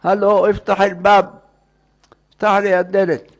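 A man's voice: fairly high pitch, lively intonation, creaky. A man voicing a pious, persistent old male rabbi who pleads and insists at a door. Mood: pleading.

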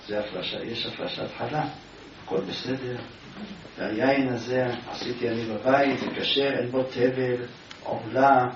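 A man's voice: medium pitch, far from the mic, background noise, pitched below the performer's own voice, close to an everyday voice. Man voicing a naive pious poor man. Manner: earnest, humble pleading. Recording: echoey room from afar, dull sound.

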